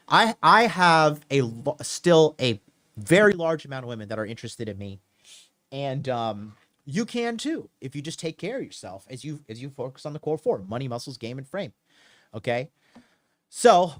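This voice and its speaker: A man in his late thirties hosting a call-in advice show, emphatic and repetitive, often checking in with "okay". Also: on the high side. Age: 30s. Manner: emphatic, repeats himself, says okay a lot. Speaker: call-in show host and dating coach. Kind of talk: casual call-in advice talk.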